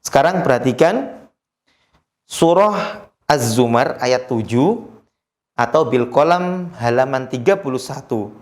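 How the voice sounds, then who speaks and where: A Quran recitation teacher giving a recorded lesson, chanting verses slowly in a higher voice and explaining the rules quickly in a lower one. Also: animated.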